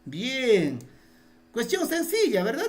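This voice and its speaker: A man's voice: extremely high pitch, huge pitch swings, slow pace. A man teaching a Quechua spelling class in Peruvian Spanish over a video call. He repeats his points patiently and quizzes his students. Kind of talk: online class, explaining spelling.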